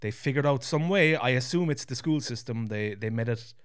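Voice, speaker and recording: Talking quickly and expressively in a clean, mid-range voice, this man is a guest in a casual conversation. He comes from County Kerry in southwest Ireland, has a west of Ireland accent, and speaks bluntly with plenty of swearing.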